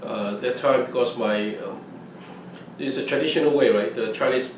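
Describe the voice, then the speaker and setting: An older Hong Kong man whose native tongue is Fujianese (Minnan) looks back casually on his early years in an oral history interview, often restarting and repeating words. His voice is medium-pitched and moves at a normal pace. The room is echoey, the mic sits at a distance, and there's faint noise.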